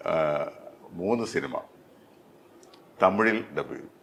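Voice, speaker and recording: Hesitant middle-aged man, low voice. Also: animated, slow, gravelly, fairly bright tone. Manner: hesitant, many fillers and restarts. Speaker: dubbing artist. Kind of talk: interview conversation.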